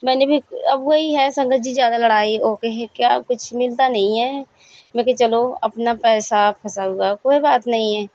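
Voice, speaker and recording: A woman's voice: fairly high pitch, a little mellow, muffled recording. A middle-aged woman giving a rambling, worried personal testimony to a devotional congregation, pleading in prayer.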